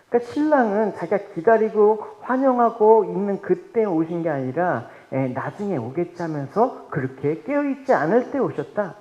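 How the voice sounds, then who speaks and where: A male pastor preaching a sermon, animated, firing rhetorical questions at the congregation and swinging between loud and hushed. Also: high-pitched, muffled recording.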